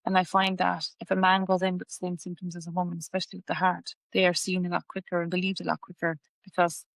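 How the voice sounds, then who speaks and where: A woman's voice: lowish voice, flat delivery, fast talker, creaky, fairly bright tone, dry recording. Podcast guest: woman, west of Ireland accent, personal storytelling, level intonation, dry recording. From Galway, west of Ireland. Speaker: podcast guest, patient advocate. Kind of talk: personal story told in an interview.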